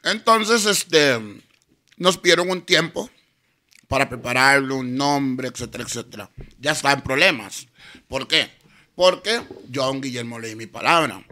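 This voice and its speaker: Bright-voiced man telling stories. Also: medium pitch, moderate pace. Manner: slangy, keeps adding tag questions. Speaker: guest DJ. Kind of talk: casual storytelling.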